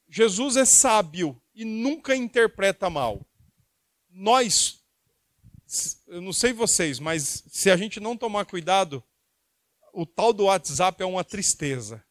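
A man's voice: sits high, dry recording, clean studio sound. A man preaching a sermon, reading Bible verses and asking the listeners rhetorical questions.

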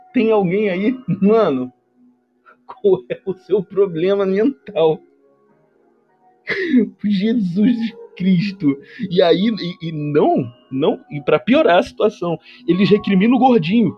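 A man's voice: medium pitch, muffled recording. A man with a Brazilian accent retelling a movie on a livestream, rambling and sarcastic, mocking the characters with lots of slang. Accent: Brazilian Portuguese. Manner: rambling, animated storytelling with slang. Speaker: livestream host. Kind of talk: comedic movie recap.

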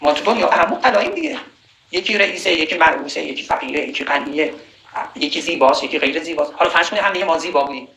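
A man's voice: on the high side, animated, gravelly, pushed and bright. Man preaching in an echoey room. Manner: recites Arabic verses slowly, then explains conversationally. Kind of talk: Quran commentary sermon.

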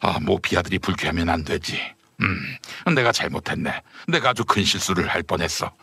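A man voicing a gruff, vain elderly male chief minister in a satirical period-drama parody, grumbling in a very deep drawl. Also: expressive, moderate pace, pushed and bright, no room sound, heavily acted. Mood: sarcastic. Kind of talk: satirical Joseon-era costume parody.

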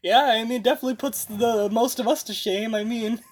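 A woman's voice: on the high side, fairly even intonation, brisk. A young American woman from South Florida hosts a casual podcast chat, laid-back and laughing often. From South Florida, USA. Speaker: podcast host.

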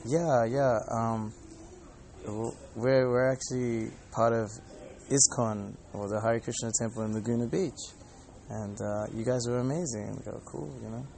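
A man's voice: medium pitch, fairly even intonation, normal speed, creaky, darkish tone. A man talking casually and earnestly in a rambling, informal podcast style, telling stories and reflecting. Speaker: podcast host and Hare Krishna devotee. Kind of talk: casual spoken storytelling and reflection. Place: airport departure gate area. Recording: faint airport background noise.

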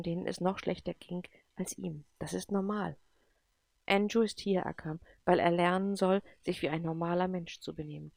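A woman voicing a gentle, comforting wife who consoles a young man. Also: lowish voice, vocal fry, no echo. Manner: soothing, consoling.

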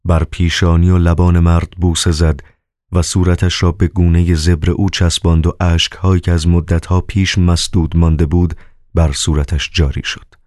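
A man narrating a novel as an audiobook in a measured, calm way. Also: sits low, dry recording, studio quality.

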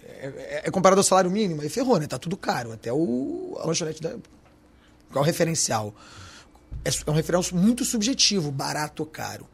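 Husky Carioca man, slangy and emphatic. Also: a little high, big pitch swings, quick pace. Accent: Carioca Portuguese. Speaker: restaurant owner. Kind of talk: podcast interview.

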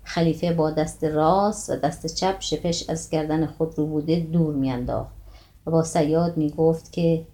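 Woman, storyteller, slightly low voice, mellow, steady classical reading. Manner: steady old-fashioned literary reading, voicing quotes lightly. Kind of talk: reading a classical tale aloud.

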